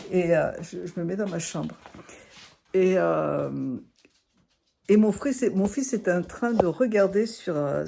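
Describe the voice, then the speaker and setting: A middle-aged woman who is sick and hoarse, chatting hesitantly through a casual product review vlog, filmed on her phone at home. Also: fairly low pitch, warm tone, a little hiss or hum. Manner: chatty and hesitant, often restarting phrases. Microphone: phone camera.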